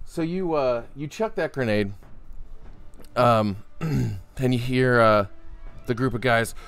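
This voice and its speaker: A man's voice: mid-range voice, takes it slowly, clear, resonant tone. A man acting as game master, narrating a tabletop game in a casual, profane way while thinking aloud.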